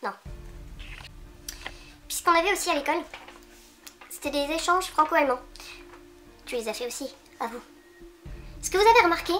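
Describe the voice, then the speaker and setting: A woman's voice: high-pitched, fairly bright tone. A young woman from the French side of the German border, joking through a comic video monologue and talking straight to her viewers. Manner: playful, teasing, addresses viewers directly. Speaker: vlogger.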